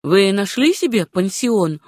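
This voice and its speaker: A woman reading aloud, voicing a kind young male doctor who speaks gently and with concern, close to her own voice. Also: medium pitch, sing-song, unhurried, dry recording. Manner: gentle, solicitous.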